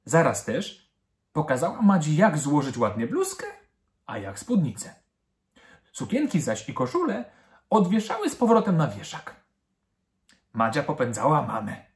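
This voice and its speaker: Brief: male actor narrating a bedtime tale, lively melody, slow delivery. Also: fairly high pitch. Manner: expressive, gentle storytelling. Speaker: actor reading to children. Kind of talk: children's story narration.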